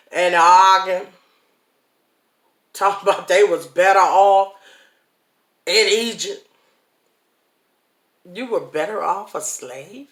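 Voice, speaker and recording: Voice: mid-range voice, a bit bright. A speaker giving a casual devotional talk to viewers in a folksy way, chuckling often and speaking straight to the audience. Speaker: online inspirational speaker. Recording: roomy echo.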